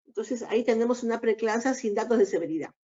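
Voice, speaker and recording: A woman giving a recorded obstetrics lecture, explaining each slide in a measured way. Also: on the high side, dark tone. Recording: dull lo-fi lecture audio.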